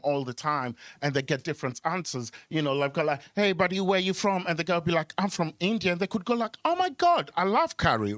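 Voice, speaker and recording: At a club stage microphone, a Kenyan stand-up comic talks in a fairly high, fairly bright voice, with no room sound. He tells conversational stories, works the crowd, and often hesitates and repeats himself.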